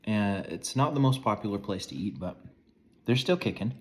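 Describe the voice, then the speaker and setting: A man's voice: lowish voice, expressive, normal speed, slight background noise. A man in his forties giving a casual food review, chewing as he talks between bites.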